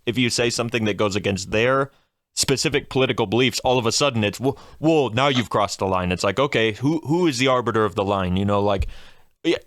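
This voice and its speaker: A male podcast host with a lowish voice, recorded close and dry. He talks in a measured way, laying out his reasoning as he asks questions. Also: fairly bright tone, no echo. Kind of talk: casual podcast chat.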